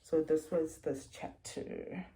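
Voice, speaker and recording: A woman's voice: sits low, fairly even intonation, slow pace, mellow, low-quality recording. A woman with a South African accent, a parent casually reviewing books to camera and explaining things earnestly with examples, recorded on wireless earbuds.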